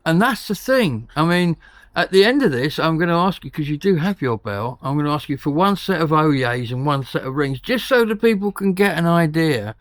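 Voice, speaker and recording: A man's voice: on the high side, expressive, moderate pace, no room sound. A man hosting a casual interview with effusive, bantering chat. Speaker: interviewer, show host.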